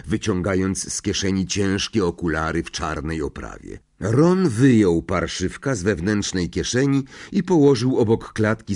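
A man reading a children's fantasy novel aloud as the audiobook narrator, with expressive, varied storytelling. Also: on the low side, slightly rough. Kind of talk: scripted narration.

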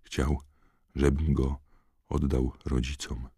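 A man voicing a shaken, exhausted teenage boy who mumbles hoarsely. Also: very deep voice, little pitch movement, slow, mellow, dry recording, clean studio sound, full character voice. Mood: dazed.

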